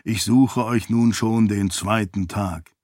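A man voicing a loyal male spirit living in a floating light orb, with a deep, hesitant voice, speaking slowly and formally to his lady. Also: fairly even intonation, darkish tone, dry recording, clean studio sound. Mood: relieved. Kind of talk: audiobook character voice.

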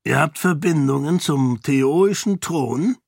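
A man's voice: on the high side, slow, gravelly, a little mellow, no room sound, studio quality, voice pushed up, heavily acted. Man doing a sly old duke. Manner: sly, mocking. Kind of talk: audiobook character voice.

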